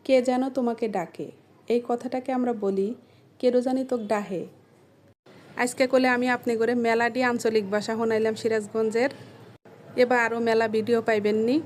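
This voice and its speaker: A woman's voice: fairly high pitch, darkish tone, slight background noise. A woman from Sirajganj with a Sirajganj Bengali accent, casually teaching dialect phrases in a vlog, chatty and proud of her speech. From Sirajganj, Bangladesh. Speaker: video creator.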